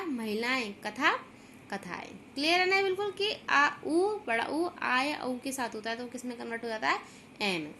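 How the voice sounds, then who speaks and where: A woman teaching a grammar lesson, slowly repeating example words and often checking that her students understand. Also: high voice, sharp tone, slight background noise.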